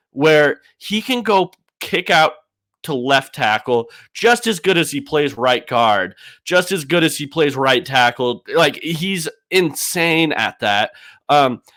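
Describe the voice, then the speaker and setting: A man's voice: on the high side, a bit bright. A man co-hosting a sports podcast, talking enthusiastically and poking fun at himself. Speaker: podcast co-host. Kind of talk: casual sports talk.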